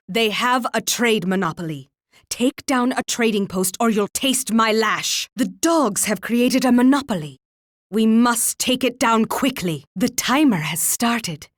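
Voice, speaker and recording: A woman's voice: fairly high pitch, no room sound, studio quality. Haughty Queen Isabella, dramatically swooping voice. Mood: commanding, wary. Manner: commanding, condescending, taunting. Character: haughty, imperious Spanish warrior queen, cruel and mocking. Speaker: video game character voice actor. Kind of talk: theatrical video game voice lines.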